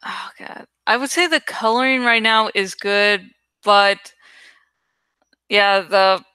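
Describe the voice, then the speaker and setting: This woman, an online creator and host, talks through her work on a graphic in a casual, rambling way, swearing, thinking aloud and sometimes stuck for words. Her mid-range voice is slow, pushed bright and smooth, with no echo.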